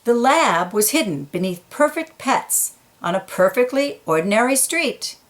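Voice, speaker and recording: Gentle woman reading a picture book aloud. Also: fairly high pitch, sing-song, a little slow. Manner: gentle, engaged, pointing out details. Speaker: children's book reader.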